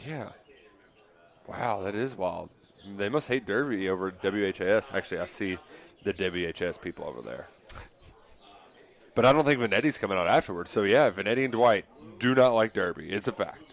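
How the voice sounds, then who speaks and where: A man co-hosting live sports radio at a racetrack, excitable and jokey. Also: on the low side, fairly quick. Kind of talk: casual radio banter. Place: outdoor live broadcast at a racetrack.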